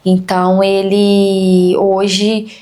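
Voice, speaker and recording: A woman's voice: medium pitch, completely flat delivery, extremely slow, warm tone. Hesitant woman doula. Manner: hesitant, many fillers. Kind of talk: casual chat.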